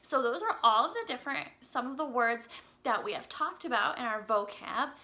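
A young adult woman reads a picture book aloud to small children in a home room with an upright piano. She reads expressively, asking simple questions and exaggerating her emphasis. Her voice is a little high, animated, pushed and bright, at a normal speed.

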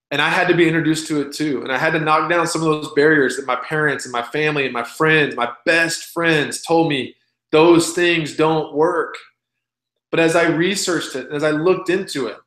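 A man's voice: on the high side, a bit bright. Blunt folksy man in his thirties, echoey. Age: 30s. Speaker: presenter. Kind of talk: recorded sales webinar.

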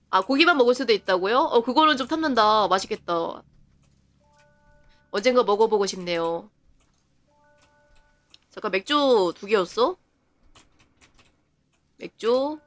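A woman's voice: mid-range voice, a bit bright. A woman streamer giving live commentary on a game, chatting to herself and laughing often. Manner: reacts to the game with quick surprised remarks.

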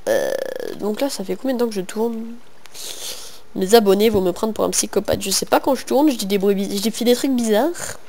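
A young teenage boy with a fairly high voice chats through a game on his home computer mic. He keeps joking and rambling, talking to himself as much as to his viewers. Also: fairly quick, vocal fry, a little mellow, a little hiss or hum. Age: young teen, in middle school. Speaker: gaming video host. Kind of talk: casual let's-play commentary. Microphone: home computer microphone.

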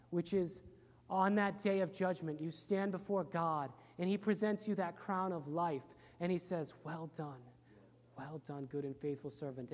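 A man's voice: high voice, darkish tone. A male pastor giving an earnest, plain-spoken sermon in a church, repeating phrases for emphasis. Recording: reverberant church hall.

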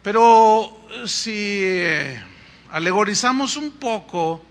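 A man's voice: sits high, animated, takes it slowly. A male pastor preaching a sermon, exhorting emphatically with rhetorical questions. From Mexico.

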